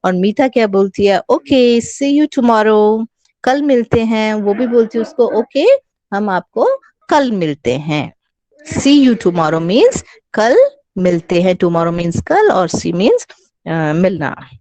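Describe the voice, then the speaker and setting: A woman's voice: mid-range voice, very animated, mellow, dry recording. A woman with an Indian accent teaching an online English lesson to children, patiently mixing Hindi and English and spelling out words letter by letter. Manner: slow, patient, addresses children as beta. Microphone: online class microphone.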